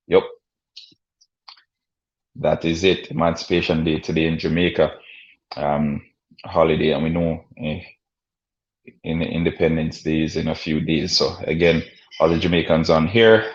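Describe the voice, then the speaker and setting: A man hosting a casual live sports stream, chatting and commentating in a halting way, often repeating words and phrases. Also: extremely low pitch. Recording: dull, muffled lo-fi stream audio.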